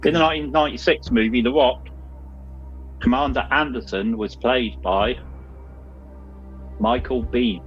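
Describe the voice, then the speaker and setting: A man's voice: mid-range voice, steady tone, normal speed. A man hosting a casual movie quiz and reading out questions, with a speech trait of saying w for r. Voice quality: can't pronounce R's properly, says w for r. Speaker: quiz host. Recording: dull lo-fi sound with music. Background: music.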